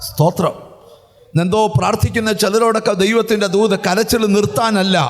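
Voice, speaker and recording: A man's voice: sits high, fairly even intonation, a little fast. A male pastor preaching a sermon and often breaking in with refrains of praise. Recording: hall reverb, church sound system.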